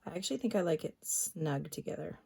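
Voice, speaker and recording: A woman's lowish, slightly rough voice with vocal fry carries this crafting tutorial, expressive and a little fast. She demonstrates a card-making technique chattily, thinking aloud as she works and dropping into soft asides.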